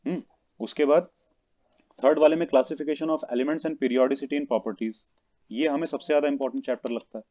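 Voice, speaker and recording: A male chemistry teacher lectures an online class, and his voice reaches the listener in broken, cutting-out pieces over a bad call connection. The tone is mellow and the audio sounds dull and lo-fi. He explains patiently and keeps checking in with his listeners. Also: mid-range voice, fairly even intonation, moderate pace, dry recording. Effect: choppy, breaking-up online call connection.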